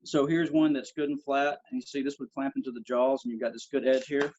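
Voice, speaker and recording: A man's voice: medium pitch, little pitch movement, a little fast, darkish tone, slight background noise. A man teaching flintknapping step by step, demonstrating with his hands as he explains. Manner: practical, demonstrating with hands as he talks. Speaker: flintknapping instructor. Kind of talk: live demonstration over a video call. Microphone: phone. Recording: lo-fi phone audio.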